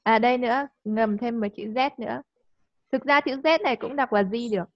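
A woman teaching English in a live online class. She coaxes the student and checks understanding with quick tag questions. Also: on the high side, no room sound. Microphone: video call. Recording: dull lo-fi call audio.

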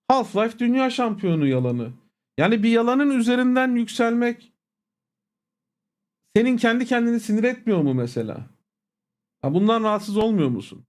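In a casual livestream rant, a man with a very high, darkish voice airs his irritation bluntly and with plenty of profanity. He speaks to viewers familiarly, using "abi" and "agalar."

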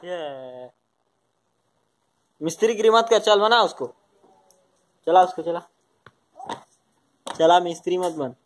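A man's voice: high voice, animated, slow, long pauses. A man with a Chhattisgarhi Hindi accent playing at home with his small daughter, teasing her in a casual, playful way. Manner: teasing, with mock cries of pain. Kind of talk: casual playful talk with a toddler.

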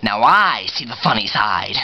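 A woman's voice: very deep voice, very animated, voice pushed down, full character voice. A woman whispering as the Joker. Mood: menacing. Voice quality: breathy menacing whisper. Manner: slow, drawn-out delivery with sudden shifts. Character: menacing scarred male villain, unhinged. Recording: muffled home video with loud noise.

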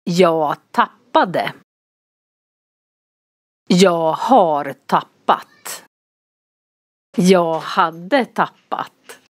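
A woman teaching a vocabulary lesson, pronouncing each word form slowly and distinctly for learners. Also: fairly low pitch, no echo, clean studio sound. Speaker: language teacher. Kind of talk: slow, clearly articulated vocabulary lesson.

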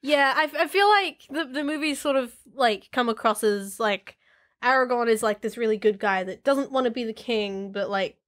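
A woman's voice: a little high, moderate pace, a bit bright. A woman co-hosting a podcast, chatting enthusiastically about a book, with casual swearing. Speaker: podcast co-host. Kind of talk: casual book club chat.

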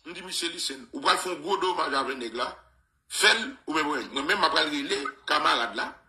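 A man's voice: a little high, animated, moderate pace, pushed and bright, reverberant, rough recording. A man with a Haitian accent in casual radio talk, often stammering on repeated words and dropping in English ones.

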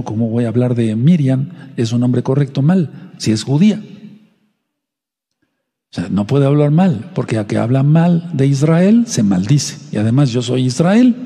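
A man's voice: mid-range voice, dark tone, husky, in a large hall. A man preaching a sermon as a Messianic pastor, impassioned and zealous, sometimes mimicking others. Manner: impassioned preaching, quoting others in mocking voices.

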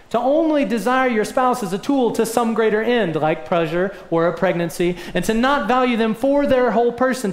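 A young man preaching a sermon in a church, earnest and emphatic, his voice swelling on key points. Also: sits high. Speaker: pastor. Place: church sanctuary. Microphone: lectern mic. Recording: echoey church room.

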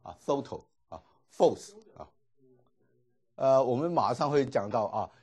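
Husky guy lecturing on greek, voice bounces up and down a lot, lots of little fillers. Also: medium pitch, animated, unhurried, darkish tone. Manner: explains patiently with many filler particles. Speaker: Greek teacher. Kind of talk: classroom lecture.

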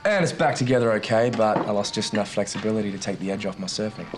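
A man's voice: on the low side, fast, lightly acted. Guy doing a chill aussie surf coach, middle-aged, blunt and easygoing, waves and noise behind him. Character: laid-back former pro surfer, male coach. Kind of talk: TV teen drama acting.

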